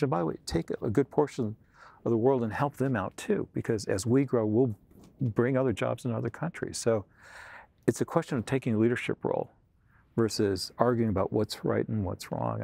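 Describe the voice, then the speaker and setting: A man in his sixties, a tech executive acting as interviewer, talks in a conversational studio interview from armchairs on a set. His voice is lowish, gravelly and dark, picked up by a lapel mic, and he comes across earnest and rambling, saying "you know" a lot.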